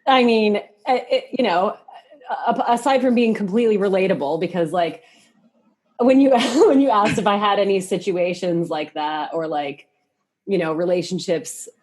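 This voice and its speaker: A woman in her thirties, a musician and hairstylist, chats casually as a podcast guest, candid and giggly and scattering "like" through her talk. Her voice is medium in pitch and a little mellow, at a normal speed.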